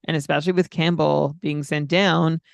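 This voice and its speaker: A man with a slightly high, gravelly voice, talking through numbers in a measured, filler-laden podcast chat. The recording is dry and close. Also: flat delivery, no echo, highs cut off. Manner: stat-heavy, measured, frequent fillers. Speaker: podcast co-host.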